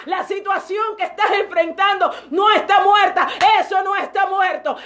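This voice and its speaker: A woman's voice: extremely high pitch, steady tone, normal speed, a bit bright, slight background noise. A woman preaching a sermon, fervent and breaking into exclamations of praise between phrases.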